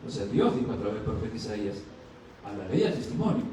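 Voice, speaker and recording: A male pastor preaches a sermon with a mellow, dark tone. He asks his listeners questions and acts out little dialogues, lifting his voice for them. He is heard from a distant mic in a very echoey church, with faint noise behind him. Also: fairly low pitch, sing-song, quick pace. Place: church sanctuary.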